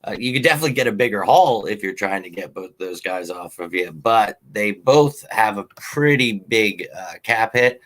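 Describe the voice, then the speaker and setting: This fan-show host talks sports and reads viewer comments in a loose, wandering way, his voice fairly low, a bit hoarse, and fairly bright. Plenty of ums and uhs fill the gaps as he moves from one opinion to the next, sounding like an unpolished, opinionated fan.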